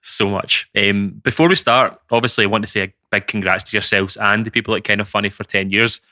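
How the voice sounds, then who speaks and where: A man's voice: fairly low pitch, fairly even intonation, a little fast, pushed and bright, no room sound. A man co-hosting a podcast, chatting casually with a guest. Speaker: podcast co-host. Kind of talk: casual conversational interviewing.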